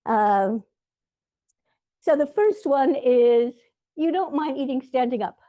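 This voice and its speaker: A woman's voice: high voice, expressive, takes it slowly, mellow, no room sound. Wry older woman, dry close sound. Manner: self-deprecating, wry storytelling. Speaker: vendor and speaker. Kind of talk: humorous presentation. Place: outdoor garden event.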